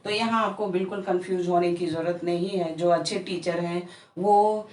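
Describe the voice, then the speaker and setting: A woman's voice: on the low side, fairly even intonation, moderate pace, a little mellow. A woman teacher explaining a basic spelling lesson patiently, spelling words out letter by letter. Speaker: English teacher. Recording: roomy echo, voice from a distance.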